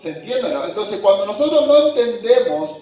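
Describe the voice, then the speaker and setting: A man preaching a conversational sermon, reading scripture slowly and checking that the congregation follows. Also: high voice, sing-song, dark tone. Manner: reads scripture aloud slowly. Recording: very echoey hall, distant mic, dull sound, faint music.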